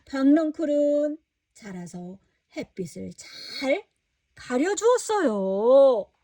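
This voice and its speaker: A woman reading a children's Bible story in an expressive, sing-song way. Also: high-pitched, takes it slowly, no echo, clean studio sound, distant mic.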